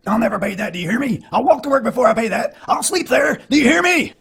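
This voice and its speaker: A man's voice: very high-pitched, sing-song, quick pace, fairly bright tone, husky, voice pushed up, heavily acted. A man voicing a stubborn father who rants indignantly in a cartoon. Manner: escalating indignant ranting.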